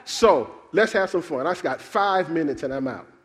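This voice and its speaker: Male preacher, sermon, high-pitched, lively intonation, call-and-response questions. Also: normal speed. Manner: animated, calls out questions to the congregation.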